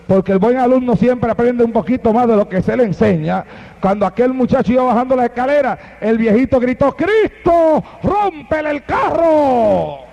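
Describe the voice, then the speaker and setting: A man's voice: extremely high pitch, a little fast, gravelly, dark tone. A man preaching a fiery sermon, telling a story emphatically and calling out to the congregation. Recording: dull lo-fi sound.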